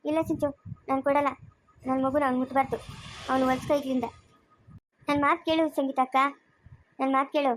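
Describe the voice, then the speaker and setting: Woman playing a scolding high-voiced house lady. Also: fairly even intonation, a little fast, long pauses, slight background noise, natural voice. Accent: Kannada of Chikkaballapur area. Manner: scolding, commanding, sharp-tongued. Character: stern scolding lady of the house guarding the baby. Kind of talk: amateur family drama acting.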